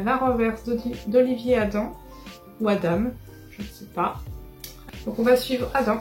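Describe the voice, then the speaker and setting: A woman rambles casually through the books she picked up, pausing often with fillers and correcting herself. Her voice has a slightly gravelly edge, recorded in an echoey room with faint music underneath. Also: a little high, a little mellow. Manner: chatty, hesitant, many fillers and restarts. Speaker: book vlogger. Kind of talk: casual book haul chat.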